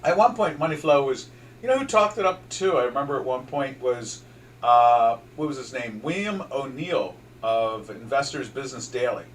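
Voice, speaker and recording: An older man from southern New Jersey, USA, with a South Jersey accent, hosts a trading show and chats loosely about currency charts in casual market commentary. His medium-pitched voice is expressive and moderately paced, full of fillers and restarts. The mic sits at a distance, with slight background noise.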